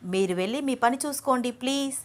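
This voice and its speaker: A woman's voice: high voice, brisk, close to an everyday voice. A woman voicing a headstrong young wife and student who answers back in a pouty, defiant way. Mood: sulky.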